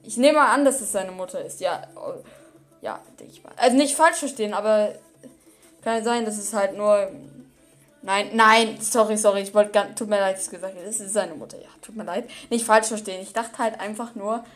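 A woman's voice: mid-range voice, brisk, faint music behind. A woman hosting a casual reaction video, rambling, giggly and apologetic.

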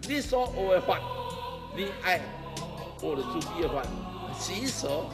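A middle-aged Buddhist master with a Taiwanese accent speaks unhurriedly, his high voice swinging widely in pitch and showing vocal fry. Before a seated congregation in the temple hall, he teaches emphatically with rhetorical questions and repeated phrases. The hall is echoey, and music plays underneath.

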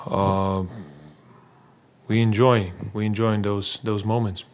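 A basketball player answers questions at a postgame press conference in a small press room, speaking into a table mic in front of him. His voice is low and flat, and he halts, repeats words and uses many fillers.

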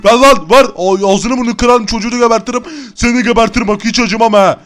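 A man's voice: very high voice, fairly even intonation, quick pace. A man voicing a menacing male kidnapper who makes threats during a game video. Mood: threatening.

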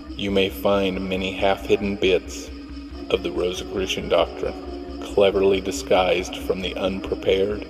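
A male reverend reading a doctrinal text aloud in a measured, formal way. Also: deep voice, darkish tone. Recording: long hall reverb with faint music.

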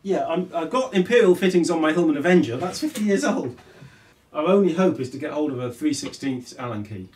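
A middle-aged man with a slightly raised pitch talks his way through a hands-on job, polite and chatty. His tone stays friendly and practical as he works things out aloud. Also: lively intonation, fairly quick, darkish tone. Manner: polite, chatty, thinks aloud while working. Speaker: video channel host. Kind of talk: casual hands-on vlog chat. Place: indoor home rooms.

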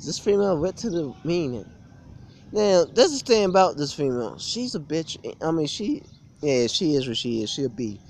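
Standing on a street beside a brick building, a young man who vlogs about the gym delivers an informal, blunt, repetitive and aggrieved rant to camera. His voice is on the high side, sing-song and a little mellow, at a moderate pace. A phone or webcam at arm's length picks him up, with slight background noise.

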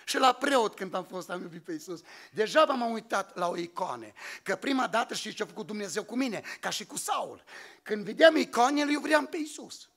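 A man preaching an emotional sermon testimony in church, his voice breaking at times and bursting into shouts. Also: high voice, lively intonation.

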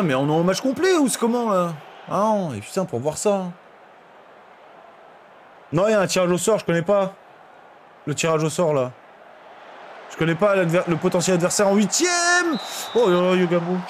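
Young male streamer, high-pitched, excitable game commentary with outbursts, faint background noise. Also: moderate pace, long pauses. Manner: excitable, swings from shouting to muttering.

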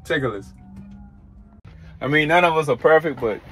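A man's voice: on the high side, lively intonation, moderate pace, fairly bright tone, husky. A man in his forties, a trucker, giving rambling, earnest thoughts from his truck cab into a dashboard camera. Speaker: trucker vlogger. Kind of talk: casual reflective talk.

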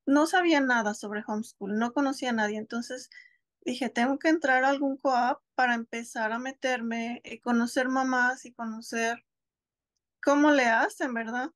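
On a video call from the couch in her home, a homeschooling mother from Mexico in her thirties chats casually with an interviewer. She sounds thoughtful yet hesitant, restarting her words often, with a high, fairly even, fairly bright voice at normal speed and no echo.

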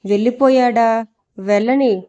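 A woman's voice: a little high, measured pace, lo-fi sound, lightly acted. A woman playing a haughty spiteful young heiress. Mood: scornful. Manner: haughty, scornful and sharp.

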